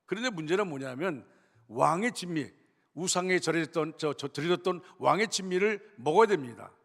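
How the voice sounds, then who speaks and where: A man's voice: a little high, expressive, moderate pace, creaky, a bit bright. A man, the senior pastor, preaching a sermon in a church sanctuary, emphatic, repeating key phrases and addressing the congregation directly. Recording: long church reverb.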